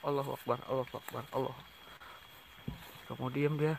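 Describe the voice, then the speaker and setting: A man's voice: mid-range voice, little pitch movement, moderate pace, vocal fry, noisy background. A man on a ghost hunt, pointing things out with urgent exclamations and repeated takbir outdoors at night. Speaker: ghost-hunt team member. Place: outdoors at night in rural surroundings.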